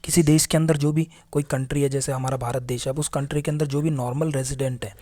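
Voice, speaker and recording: A man's voice: mid-range voice, fairly even intonation, fast talker, dark tone. A young man teaching economics in a casual classroom lecture, writing on a board as he talks, asking questions and answering them himself in a chatty way. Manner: chatty, asks and answers his own questions, voices imagined students.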